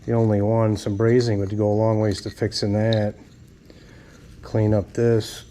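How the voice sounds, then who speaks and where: Male mechanic, unhurried casual workshop vlog, half talking to himself, garage noise behind. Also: lowish voice, little pitch movement, mellow. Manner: muttering to himself while working, mechanic's shop talk. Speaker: mechanic restoring an old car in a home garage. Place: home garage.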